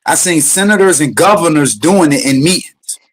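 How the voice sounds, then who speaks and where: A man's voice: fairly high pitch, animated, moderate pace, a bit bright. A man on a casual podcast in a paranoid conspiracy rant, swearing, using slang and repeating himself for emphasis. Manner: profane, slangy, emphatic repetition. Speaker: podcast co-host.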